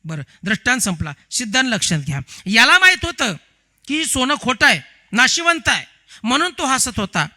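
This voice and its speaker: A man preaching a devotional sermon, telling parables in an animated way and asking the audience rhetorical questions. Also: very high voice, normal speed. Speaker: kathakar preacher.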